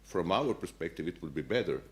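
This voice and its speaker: A man with a notably low voice talks on a conference panel as a policymaker. He pauses often and restarts his sentences, searching for words. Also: animated, darkish tone. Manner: hesitant, many fillers and restarts. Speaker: central bank policymaker.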